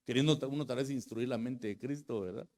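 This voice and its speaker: A middle-aged man preaches from the pulpit. His sermon drifts between soft, close storytelling and loud bursts of exclaimed praise. His voice sits at an ordinary male pitch. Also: fast talker. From Guatemala. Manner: swings from hushed storytelling to loud shouted praise. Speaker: pastor.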